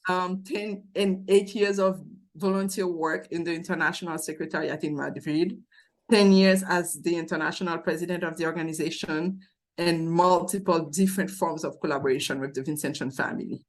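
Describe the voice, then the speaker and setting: A woman's voice: lowish voice, steady tone, moderate pace. A woman in her forties from Haiti with a Haitian accent, speaking as an interview guest, thoughtful and earnest, often restarting her sentences as she tells her story.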